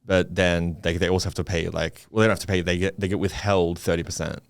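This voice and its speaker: A man's voice: deep voice, level tone, fast, creaky, clear, resonant tone. An Australian man talking casually as a podcast guest, rambling with lots of fillers and restarts. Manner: rambling, many likes and restarts, swears. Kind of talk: casual chat.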